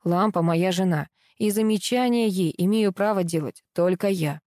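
A woman voicing a calm, restrained adult son and husband in an audiobook reading. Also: lowish voice, normal speed, no echo, clean studio sound, close to an everyday voice.

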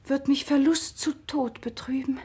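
A woman playing a shy, gentle young girl. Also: high-pitched, steady tone, normal speed, natural voice. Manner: gentle, shy, soft-spoken. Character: modest young girl, innocent and soft-spoken. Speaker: actress playing Gretchen. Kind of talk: 1950s German radio drama acting.

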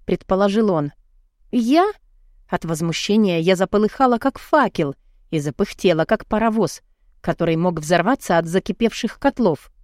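A woman reading a first-person novel aloud as an audiobook narrator, expressive, with her voice lifting high for the heroine's lines. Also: fairly quick, no echo, clean studio sound.

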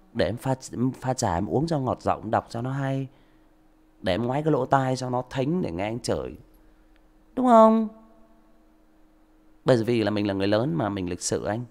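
Male livestream host, gravelly, indignant and lecturing. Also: fairly low pitch. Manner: lecturing, indignant, rhetorical questions. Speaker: audiobook narrator and livestream host. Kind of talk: livestream talk to listeners.

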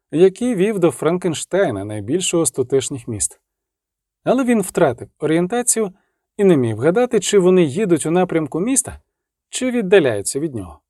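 Dark-voiced male audiobook narrator. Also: high voice, no echo, clean studio sound. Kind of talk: scripted narration.

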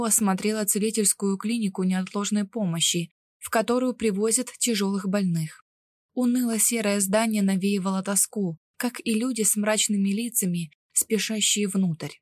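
A woman narrating a fantasy novel in an even, measured way. Her voice sits at a middle pitch, and the recording is dry and close with no room sound. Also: dry recording. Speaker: audiobook narrator.

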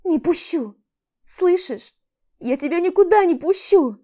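A woman voicing a hysterical young woman who screams, sobs and pleads in a shrill voice. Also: animated, a little slow, mellow. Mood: screaming hysterically. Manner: shrill, pleading, shrieking to a squeal. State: crying.

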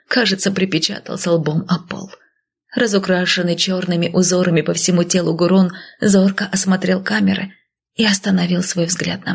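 Woman reading a fantasy audiobook in first person, soft and hushed, kinda raspy with some fry. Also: on the low side. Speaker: audiobook narrator.

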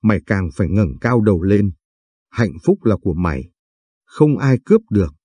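A man's voice: on the low side, big pitch swings, normal speed, warm tone, husky, no echo. A man reading as a tough foul-mouthed young woman. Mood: scolding. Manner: coarse, threatening, bossy. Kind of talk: audiobook reading.

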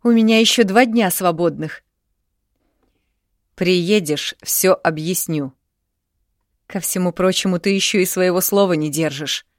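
A woman voicing an indignant, quick-tempered young woman in an audiobook, her lines raised a little above her narrating voice. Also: lowish voice, no echo, studio quality. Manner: indignant outbursts, sharp retorts.

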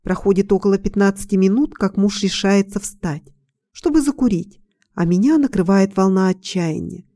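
A woman narrating a first-person story in a calm, intimate reading style. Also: medium pitch, normal speed, no echo, clean studio sound.

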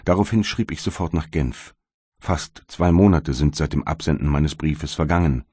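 A man voicing a kindly but stern male magistrate in an audiobook, speaking in a measured way. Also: extremely low pitch, breathy edge, no echo, studio quality. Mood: concerned. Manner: gentle, measured, turning stern.

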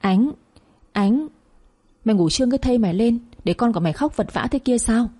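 A woman's voice: fairly high pitch, lively intonation, brisk, mellow, slightly rough. A woman voicing an older mother who scolds her daughter harshly and then screams for help in panic, in an audio story. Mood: scolding.

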